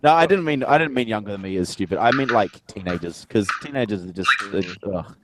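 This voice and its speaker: A man's voice: on the low side, lively intonation, fast talker, very noisy. A man in his twenties chatting casually with friends, rambling with lots of fillers and restarts and swearing freely. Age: 20s. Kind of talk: casual group chat.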